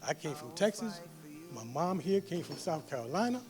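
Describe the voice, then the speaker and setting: A man's voice: fairly high pitch, very animated, moderate pace, darkish tone. Effusive father of the bride. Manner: effusive, emotional, joking. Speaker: father of the bride giving a toast. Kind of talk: wedding speech. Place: wedding reception hall. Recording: music in the background. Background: music playing.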